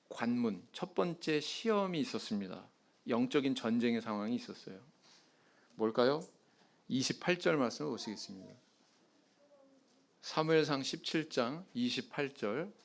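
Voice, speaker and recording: A male pastor delivering an expository sermon in a church, often putting questions to the congregation and answering them himself, with frequent affirming "yes" fillers. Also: medium pitch. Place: church sanctuary.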